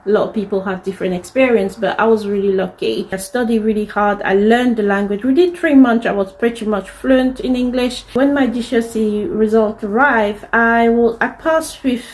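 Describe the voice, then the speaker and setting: A woman's voice: fairly high pitch, steady tone, moderate pace, few pauses, rough recording. A woman in her thirties from DR Congo, a native French speaker, earnestly and candidly telling her personal story to the camera. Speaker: fashion designer telling her life story.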